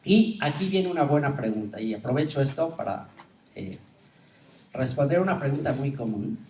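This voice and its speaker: A man gives an animated conference teaching, asking his audience questions and laughing often. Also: medium pitch, a little hiss or hum. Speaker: teacher giving a conference talk. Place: conference hall. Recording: roomy hall sound from a distance, faint ambience.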